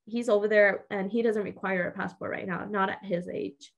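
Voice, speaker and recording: A woman's voice: medium pitch, steady tone, normal speed, vocal fry, highs cut off. A young woman with a Mexican accent, co-hosting a casual podcast chat, talking in an earnest, reflective way with lots of fillers. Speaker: podcast co-host.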